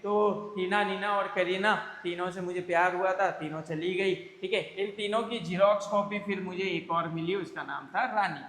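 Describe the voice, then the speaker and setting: High-voiced male teacher in an echoey classroom. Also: fairly even intonation, normal speed, few pauses, a bit bright. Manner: playful, jokey, calls students "beta". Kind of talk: classroom lecture with comic mnemonics. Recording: echoey classroom with long reverb.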